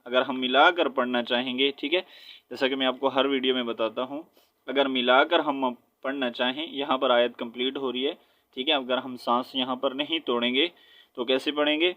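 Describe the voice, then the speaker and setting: A man teaching Quran recitation step by step, spelling out letters with their vowel marks and often checking in with his listeners, then chanting verses slowly. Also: medium pitch, steady tone, dull audio. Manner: switches between quick explanation and slow drawn-out chanted recitation.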